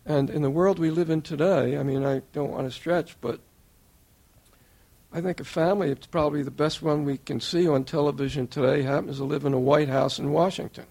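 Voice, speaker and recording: Older guy, gravelly voice, earnest formal tribute, point by point. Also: fairly high pitch, fairly even intonation, warm tone. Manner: measured, earnest, lists points in order. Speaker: interviewer.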